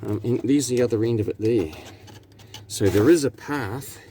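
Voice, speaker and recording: A mellow, mid-range male voice with a New Zealand accent moves at a moderate pace. The speaker, a radio technician, narrates his own repair video in and around a truck cab, casually and plainly walking through the hands-on work amid clear background noise and vehicle ambience.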